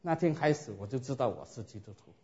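A man preaching a sermon and telling his own story in a lively way, often asking his listeners rhetorical questions. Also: medium pitch, fast talker. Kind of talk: sermon with personal testimony. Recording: dull lo-fi recording.

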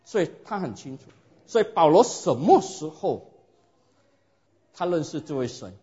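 A man preaching a sermon and telling his own story in a lively way, often asking his listeners rhetorical questions. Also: a little high, a little slow. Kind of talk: sermon with personal testimony. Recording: dull lo-fi recording.

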